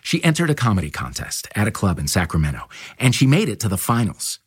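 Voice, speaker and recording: A man's voice: on the low side, wildly swooping pitch, fast talker, husky. A man hosting a podcast, narrating scripted links in a wry, playful way. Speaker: podcast host.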